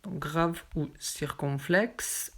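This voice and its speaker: Slow, low-voiced teacher woman. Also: a bit bright. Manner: slow, deliberate, repeats example words carefully. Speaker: French teacher. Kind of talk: pronunciation lesson.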